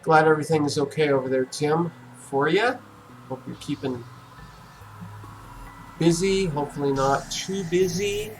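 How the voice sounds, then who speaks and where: A man hosting a casual livestream, thinking aloud in a relaxed, musing way with many fillers. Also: fairly high pitch, unhurried, pauses often, faint music behind, low-quality recording. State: relaxed and yawning. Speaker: livestream host.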